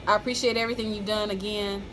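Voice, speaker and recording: A woman's voice: mid-range voice, little pitch movement, quick pace, rough recording. An American woman speaking as a school principal, giving an encouraging, emphatic motivational talk to staff and repeating key phrases.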